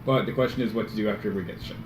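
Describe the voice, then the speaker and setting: A man's voice: lowish voice, fairly even intonation, rapid-fire. A man playing a tabletop game, chatting casually and jokingly with some swearing. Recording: echoey room, clear background noise.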